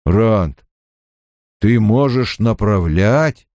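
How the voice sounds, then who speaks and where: A calm, steady young man, as a male narrator plays him, speaking in a measured, thoughtful way. The sound is close and dry. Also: mid-range voice, no room sound.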